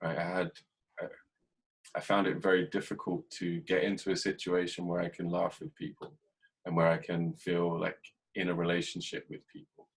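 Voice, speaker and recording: An English man hosting a podcast, talking in a casual, reflective way and keeping a dry, even tone even when he jokes. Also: sits low, moderate pace, breathy edge, low-quality recording. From England. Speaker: podcast host. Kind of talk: casual conversation.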